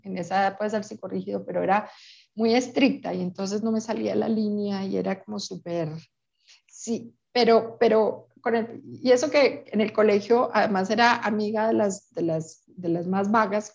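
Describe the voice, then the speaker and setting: Hesitant woman with a gravelly voice. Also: mid-range voice, steady tone, moderate pace, a little mellow, lo-fi sound. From Peru. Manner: hesitant, many restarts and fillers. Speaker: interview guest. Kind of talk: reflective interview answer.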